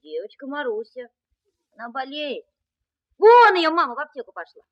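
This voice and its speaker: A woman's voice: high-pitched, big pitch swings, moderate pace, highs cut off. A woman acting a supporting part in a scripted drama. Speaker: supporting actor.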